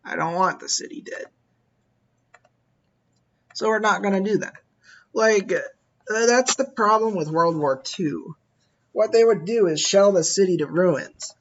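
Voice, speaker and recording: A man talks slowly through a strategy game, musing aloud and talking to his units. His voice sits a little high for a man. The lo-fi mic sounds dull, and mouse clicks tick in the background. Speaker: gameplay commentator. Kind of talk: casual strategy game commentary.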